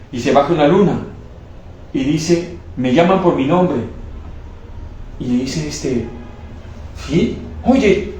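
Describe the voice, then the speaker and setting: A man's voice: a little high, a little mellow. A man preaching to his congregation as a prophet, telling stories and often checking in with the crowd. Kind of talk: sermon with testimony. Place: church hall with a live congregation. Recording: very echoey hall, faint background hiss.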